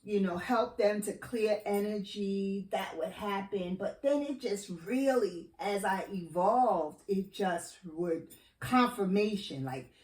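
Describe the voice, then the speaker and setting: A woman in casual chat, informal and expressive, often interjecting as she talks. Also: mid-range voice, takes it slowly. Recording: echoey room, distant microphone.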